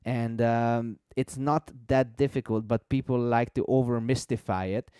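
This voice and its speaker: Man calmly explaining, clean dry voice. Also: mid-range voice, measured pace, clear, resonant tone, dry recording. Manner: explanatory, repeats words for emphasis. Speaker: host explaining music mixing. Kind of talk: casual live-stream chat.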